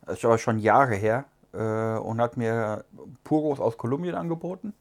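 Male co-host, easygoing and chatty, mid-pitched voice. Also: normal speed, vocal fry. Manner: relaxed, chatty, muses with fillers. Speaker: podcast co-host. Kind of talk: casual cigar review chat.

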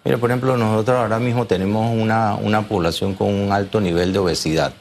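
A man's voice: on the low side, fairly even intonation, fast talker, a little hiss or hum. A man speaking as a doctor in an interview, explaining emphatically and repeating key phrases.

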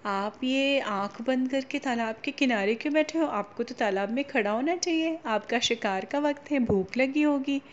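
A woman's voice: a little high, fairly even intonation, unhurried, muffled recording, close to an everyday voice. Woman doing an anxious little crab. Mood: curious, worried. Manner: eager, worried questions. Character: curious, anxious young crab.

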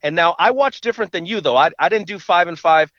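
A podcast co-host speaks over a phone call, chatting casually and stammering, often repeating his first words. His high voice is fairly bright and fast, with no echo, though the phone line sounds dull and muffled.

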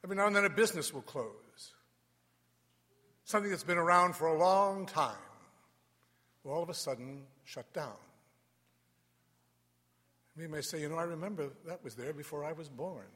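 A man speaking as a priest in a large, echoing church, reading scripture and preaching in a solemn, deliberate way with pauses. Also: fairly high pitch, pushed and bright. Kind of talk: Gospel reading and homily.

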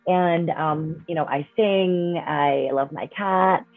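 A woman's voice: fairly low pitch, slow, vocal fry, no echo. A woman in her fifties, a coach and speaker, talking as an interview guest in a chatty, upbeat way, often tagging her sentences with "right?" and "you know". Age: 50s. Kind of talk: casual interview talk. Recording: dry, tinny phone-like line.

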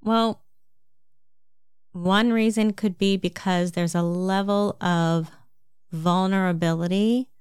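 A woman with a New Jersey accent giving a calm, measured self-help talk, explaining things step by step. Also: medium pitch, clean tone, dry recording, studio quality.

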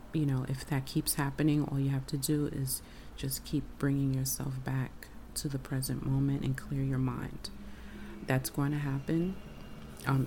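A woman's voice: a bass voice, gravelly, dark tone, slight background noise. A woman leading a guided meditation, giving soothing breath-by-breath instructions over music. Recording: music bed under the voice.

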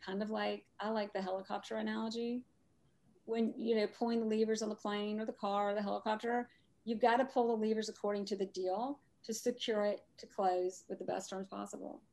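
A woman's voice: mid-range voice, level tone, fairly quick, a little mellow. A chatty woman with a Southern US accent, co-hosting a live real estate podcast and rambling in easy, laughing talk. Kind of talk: casual live podcast chat.

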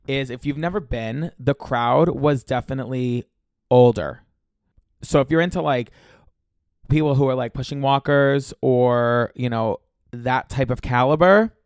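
A young man hosts his own podcast solo, delivering a casual monologue that's chatty, profane, and full of gossip. His mid-range voice sounds a little congested, with a scratchy throat. The studio-quality recording has no room sound.

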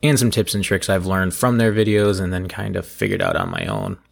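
A man with a hoarse, gravelly voice talks casually as a solo podcast host, rambling loosely in a self-deprecating way. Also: low voice, wildly swooping pitch, a little fast. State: hoarse from allergies. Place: at home, in a room below a bathroom.

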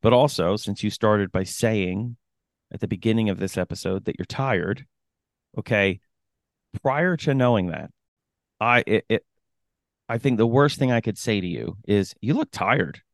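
A man's voice: fairly low pitch, unhurried, vocal fry, pauses often, no room sound, clean studio sound. A man co-hosting a casual podcast as a running coach, talking emphatically and often laughing as he makes his points. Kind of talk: casual chat.

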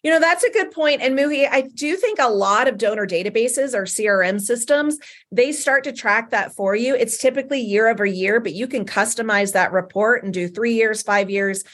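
A woman's voice: on the high side, normal speed, a bit bright. Chatty woman cohost, Southern accent. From American South. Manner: chatty, many "you know" fillers. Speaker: cohost of a nonprofit talk show. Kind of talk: casual advice chat.

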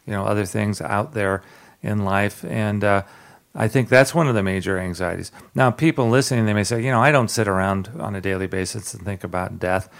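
A man with a low, gravelly voice hosts a radio talk program. He talks in a loose, unhurried way, full of fillers, with a hint of a Southern drawl. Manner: relaxed, many "uh" fillers, jokes about his southern drawl. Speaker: radio show host.

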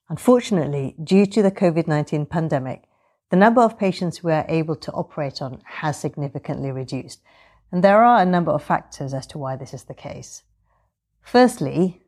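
Female surgeon vlogger, low voice, measured and orderly explanatory narration, fairly formal. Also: a little mellow.

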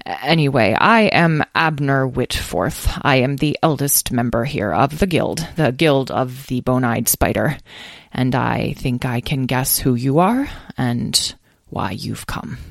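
A woman's voice: very deep voice, lively intonation, slow pace, vocal fry, no echo, clean studio sound, voice pushed down, full character voice. A woman voicing a formal elderly man who leads a guild, speaking hesitantly and apologetically. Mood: apologetic.

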